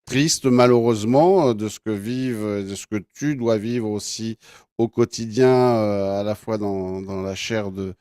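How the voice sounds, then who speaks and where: A man hosting an interview, introducing his guest slowly with many hesitations. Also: on the low side, a little mellow, smooth, no echo, studio quality. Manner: hesitant, many fillers and restarts. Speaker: interview host.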